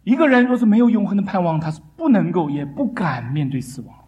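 Dramatic preacher pausing for interpreter. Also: mid-range voice, big pitch swings, warm tone, muffled recording. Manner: dramatic, slows and drops for solemn lines. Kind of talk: sermon delivered through an interpreter.

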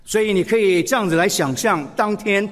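A man preaching a sermon, lively and expressive, acting out quoted words with feeling. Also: high-pitched, brisk, big-room sound. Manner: expressive, acts out quoted speech with emotion. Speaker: pastor.

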